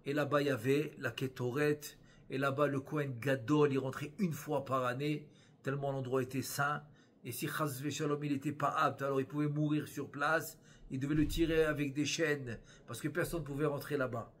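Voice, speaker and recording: A rabbi teaching a Kabbalah lesson. He reads the Aramaic text slowly in a sing-song, then explains it with many repetitions and restarts. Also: medium pitch, steady tone. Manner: repeats phrases and restarts while explaining.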